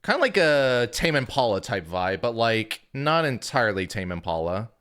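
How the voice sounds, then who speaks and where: A man's voice: mid-range voice, normal speed, clear, resonant tone. A young man casually chatting to his live-stream audience, rambling loosely with lots of filler words. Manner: relaxed rambling with many "like" fillers.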